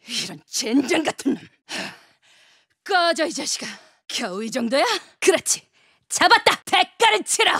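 A brash tough soldier barking orders. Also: female voice, high voice, a bit bright, no echo, clean studio sound, full character voice. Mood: taunting. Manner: barked short commands and taunts. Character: tough female soldier operator, brash and commanding. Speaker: voice actor. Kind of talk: video game combat voice lines. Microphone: close studio mic, dry booth.

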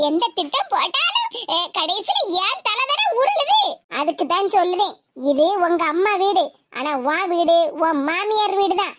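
A woman voicing a calm, lecturing inner conscience with a Tirunelveli accent in an animated cartoon. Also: very high voice, no echo, pitched below the performer's own voice. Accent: Tirunelveli Tamil. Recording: hissy home recording.

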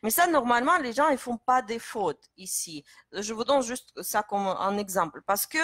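A woman's voice: on the high side, expressive, normal speed, fairly bright tone, no echo. A woman teaching pronunciation in French, explaining step by step with many hesitations. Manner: explanatory, many fillers and restarts. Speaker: Russian teacher. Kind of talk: live-stream pronunciation lesson.

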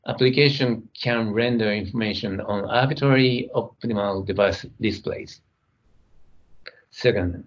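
A middle-aged man giving a technical conference keynote from his computer, speaking in a measured way as he talks through his slides. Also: on the low side, dull audio. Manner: measured, reading slides, some non-native grammar.

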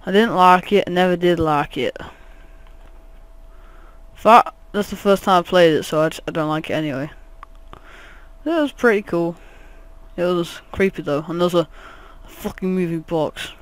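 A man's voice: sits high, normal speed, pauses often, clean tone. A man giving rambling, jokey let's play commentary, swearing often. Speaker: gaming channel host.

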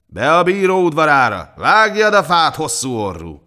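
A man voicing a brutal male guard in a storybook tale, barking loud commands. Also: fairly high pitch, huge pitch swings, voice pushed up, exaggerated voice. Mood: bellowing, bullying. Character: brutal shouting male guard, bossy bully.

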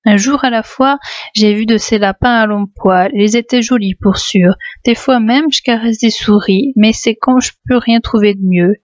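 A woman reading the part of a simple-minded, childlike farmhand, speaking slowly and earnestly in an audiobook. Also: on the high side, a little mellow, no room sound, highs cut off, natural voice.

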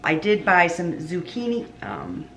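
Woman, 30s, home-kitchen cooking vlogger, relaxed slow delivery, lots of restarts. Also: on the low side, a little hiss or hum. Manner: chatty, self-interrupting, laughs at her own slips. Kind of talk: casual meal prep vlog. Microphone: camera mic at arm's length and on the counter.

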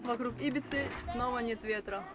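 A woman's voice: a little high, a little fast. Chatty woman vlogging from a sailboat. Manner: chatty, upbeat, with hesitant fillers. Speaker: sailing vlogger. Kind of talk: casual vlog narration. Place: deck of a sailing yacht at sea, outdoors. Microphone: action camera held at arm's length. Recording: loud music under the voice. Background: loud music.

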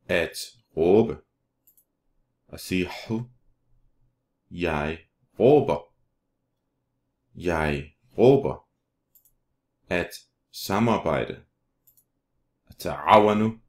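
A man teaching vocabulary, saying each word slowly and then repeating it. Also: deep voice. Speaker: language teacher. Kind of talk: slow vocabulary drill reading.

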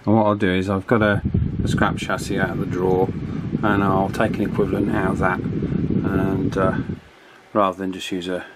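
A man with a low, fairly flat voice talks at a moderate pace, casually demonstrating a hands-on repair and thinking aloud with some hesitation. He's an electronics repair hobbyist presenting from a small indoor office workshop. The recording is clear, though a table fan adds wind noise in the background.

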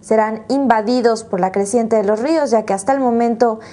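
A woman's voice: on the high side, a little fast, warm tone. A woman in her thirties with a Mexican accent, presenting news in a television studio. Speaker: news anchor.

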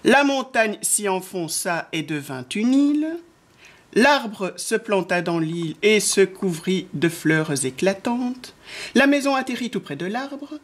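A woman in her forties reads a children's story aloud at an unhurried pace. Her pitch moves a lot as she tells it. She reads with clear, expressive phrasing. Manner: slow, expressive reading. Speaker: reader of a children's book.

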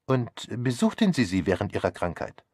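A man reading an audiobook voices a fastidious elderly male detective who asks polite, measured questions. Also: fairly low pitch, huge pitch swings, darkish tone, no echo, studio quality, full character voice. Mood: probing. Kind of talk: audiobook character voice.

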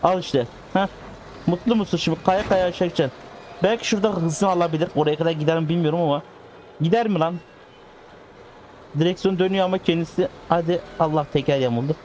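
A man commentating a driving game, excitably cheering and teasing the cars in casual slang. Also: fairly high pitch, fast, a little hiss or hum. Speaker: gaming channel host.

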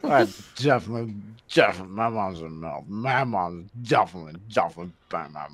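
A man's voice: sits low, animated, fast, fairly bright tone. A man teasing his friends with mocking repetition in casual chat while gaming. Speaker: gamer.

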